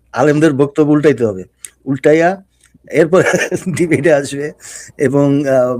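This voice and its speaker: A man's voice: mid-range voice, a little mellow, no echo. A man joining a live stream as a guest, chatting casually and colloquially with frequent laughter. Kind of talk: casual chat.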